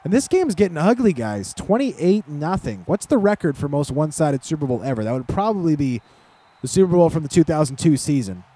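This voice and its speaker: A man's voice: fairly high pitch, sing-song, fairly quick, mellow. A man giving casual, rambling commentary over a football video game, with sarcastic, self-deprecating asides, recorded close on a desk microphone at home. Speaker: gaming commentator.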